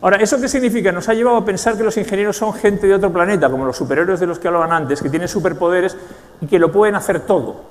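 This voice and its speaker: Delivering an ironic, humorous keynote to business people, this conference speaker from Spain's Basque Country talks with a Spanish accent. His high-sitting voice races along, echoing in a big event hall.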